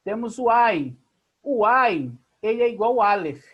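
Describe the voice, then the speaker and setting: Husky-voiced Brazilian teacher on a video call. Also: medium pitch, big pitch swings, measured pace, dull audio. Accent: Brazilian Portuguese. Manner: patient, explains step by step, often checks in with "tá?". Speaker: Bible language teacher. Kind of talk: online class lecture. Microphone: video call computer mic.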